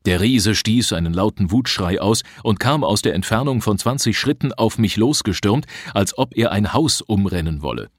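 Guy reading an adventure story, low voice, lots of pitch movement, dry close sound. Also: normal speed, hardly any pauses, breathy edge, no echo. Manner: expressive storytelling. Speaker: audiobook reader. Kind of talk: scripted narration.

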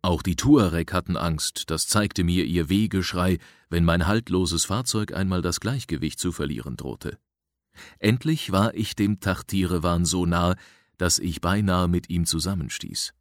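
Male audiobook narrator: very low voice, dry close recording, measured dramatic reading. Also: no echo. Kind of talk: scripted narration of an adventure novel.

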